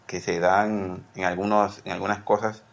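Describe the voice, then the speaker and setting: Man, gravelly low voice, rambling podcast guest on dull lo-fi call audio. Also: little pitch movement, normal speed, a loud crowd. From Peru. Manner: rambling, self-correcting, laughs easily. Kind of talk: casual podcast interview.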